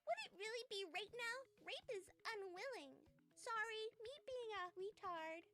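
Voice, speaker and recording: A squeaky, very high voice of a playful teenage girl, teasing and self-mocking as she chats, acted by a woman. Her tone is bright and sharp. Soft music plays quietly underneath. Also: animated, moderate pace, full character voice.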